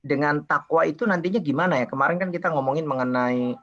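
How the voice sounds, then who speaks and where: A man in the audience asking the teacher a question haltingly on a video call. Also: on the high side, fairly bright tone. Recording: dull lo-fi call audio.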